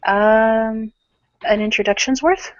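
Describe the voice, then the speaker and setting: A woman's voice: a little high, steady tone, slow pace, no room sound. A woman chatting casually on a livestream in brief, laid-back replies. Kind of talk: casual chat. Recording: dry, dull lo-fi stream audio.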